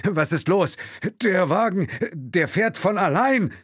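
A man voicing a nervous male chauffeur who speaks in halting, broken phrases. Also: sits high, expressive, dry recording, clean studio sound, voice pushed up, exaggerated voice. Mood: panicked. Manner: halting, stammering.

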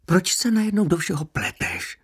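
A man's voice: high-pitched, huge pitch swings, breathy edge, no echo, studio quality, pitched above the performer's own voice, heavily acted. A man voicing a whining, anxious male prisoner who haggles and complains plaintively. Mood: complaining.

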